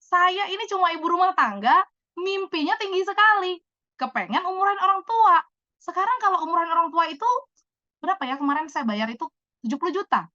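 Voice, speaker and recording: A chatty woman in her thirties with a high, bright voice tells her stories with animated emphasis. The sound is dry and a little dull. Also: a little fast, no echo. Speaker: business speaker answering questions. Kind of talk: casual talk-show answers.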